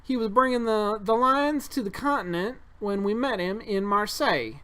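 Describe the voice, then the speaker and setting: A man's voice: high voice, sing-song, slow pace, pushed and bright, voice pushed up, full character voice. A man reading a board game aloud, voicing a boastful middle-aged male circus owner in a folksy, bragging put-on accent.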